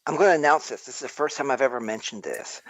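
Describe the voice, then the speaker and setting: A man's voice: mid-range voice, fast, no echo. A man with a Southern American accent, a tipsy guest rambling boisterously in a casual live-stream chat. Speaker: guest toy artist.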